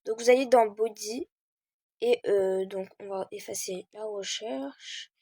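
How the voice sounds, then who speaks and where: Teen girl, casual tutorial host, slow and hesitant, mellow voice, dry close mic. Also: medium pitch, slightly rough, dry recording. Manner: hesitant, many "euh" fillers, talks while searching. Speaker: game tutorial creator. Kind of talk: casual screen-recorded tutorial.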